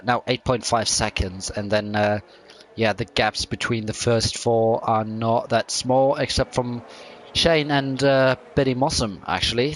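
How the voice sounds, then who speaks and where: A man commentates live on a sim race at a medium pitch. He often hesitates with ums and trailing pauses. There is clear noise of the game behind him. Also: fairly bright tone.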